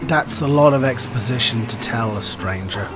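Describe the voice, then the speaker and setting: A man's voice: medium pitch, normal speed, noisy background, pitched below the performer's own voice, lightly acted. A man voicing a weary, unimpressed bus ticket agent who brushes off a chatty customer, read aloud from a screenplay. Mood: impatient. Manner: dry, impatient.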